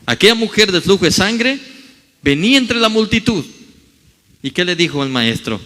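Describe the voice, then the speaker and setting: A man preaching from the pulpit, his voice high and lively with wide pitch swings. He acts out the scripture quotes as he goes. A long church reverb trails each phrase. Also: normal speed. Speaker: pastor. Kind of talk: sermon. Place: church hall.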